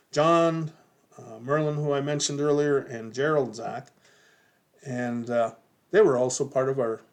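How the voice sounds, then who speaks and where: An older man, casually reminiscing about his ballplaying days, rambling, swearing and chuckling as he goes. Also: medium pitch. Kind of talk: casual storytelling.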